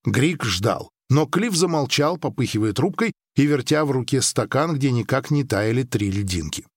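A man reads fantasy prose aloud in a steady storytelling voice, lowering it for the narration. His pitch still moves in a lively way. The sound is close and dry. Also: moderate pace, no room sound. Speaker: audiobook narrator.

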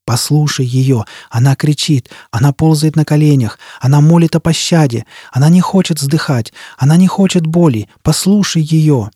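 A man's voice: a little high, warm tone, husky, no room sound, clean studio sound, voice pushed up. A man voicing a tormented, half-mad burning man who drags out his words in strained cries in an audiobook. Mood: tormented, slow. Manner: slow, drawn-out, strained cries.

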